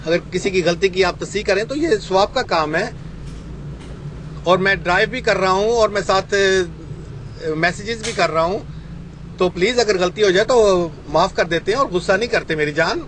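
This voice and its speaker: High-voiced man talking from his car. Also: fairly bright tone, slight background noise. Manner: polite-sounding but mocking, keeps saying please. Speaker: Ahmadi missionary debater. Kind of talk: voice-message debate. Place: in a moving car, driving.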